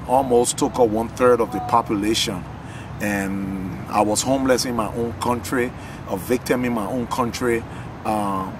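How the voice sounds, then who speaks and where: A middle-aged Liberian pastor, his voice on the low side, gives an earnest testimony and sermon outdoors in a garden with trees behind him. He speaks close to the camera, often repeating words as his fervor builds, with background noise present.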